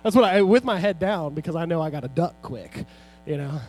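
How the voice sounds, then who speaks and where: A middle-aged man preaching a sermon as pastor in a church, building to loud, fervent peaks and then dropping low and soft. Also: expressive, brisk. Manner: preaching with rising shouts and sudden soft drops. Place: church sanctuary.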